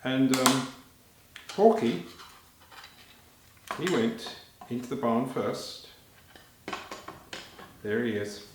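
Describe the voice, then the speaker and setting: A man performing a story live for children, animated and talking to them directly, halting and repeating phrases as he goes. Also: medium pitch, slight background noise. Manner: animated, addressing children with questions. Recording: very echoey, reverberant room.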